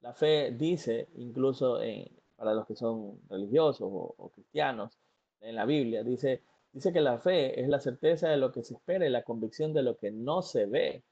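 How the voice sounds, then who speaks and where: A man's voice: medium pitch, normal speed, vocal fry, warm tone, slightly rough, muffled recording. A man, giving a motivational talk as a life coach and speaking earnestly and directly to the listener, with frequent fillers and restarts. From Ecuador.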